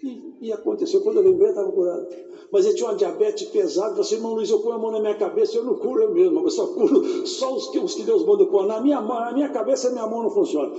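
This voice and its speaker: Fervent Brazilian preacher in an echoey hall. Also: male voice, racing. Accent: Brazilian Portuguese. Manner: fervent, swings from shouted praise to low intimate talk. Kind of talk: testimony sermon. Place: church hall. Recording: echoey hall, dull lo-fi sound.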